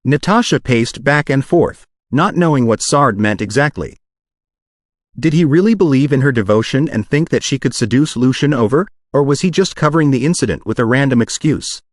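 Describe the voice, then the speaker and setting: A man's voice, machine-generated, narrating a fantasy novel as an audiobook in a steady reading style. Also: mid-range voice, moderate pace, no room sound, clean studio sound. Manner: synthetic audiobook reading, reads punctuation aloud. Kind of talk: scripted narration.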